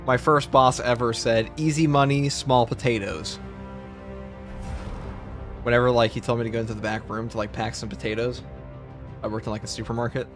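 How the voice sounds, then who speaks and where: A man's voice: medium pitch, fast talker. Laid-back man streaming a game. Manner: relaxed, rambling, many "like" fillers. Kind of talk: casual livestream commentary answering chat. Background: game music and sound effects.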